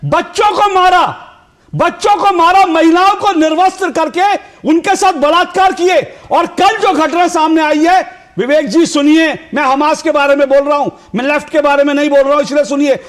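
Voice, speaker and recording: A male TV news anchor in a heated debate, shouting and hammering the same phrases over and over. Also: extremely high pitch, fairly even intonation, moderate pace. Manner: shouting, repeating phrases insistently.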